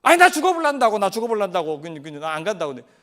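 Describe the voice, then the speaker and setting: A man preaching acts out a stubborn, sulking prophet, loudly complaining that he refuses to go. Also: high-pitched, huge pitch swings, quick pace. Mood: defiant. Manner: indignant shouting complaints.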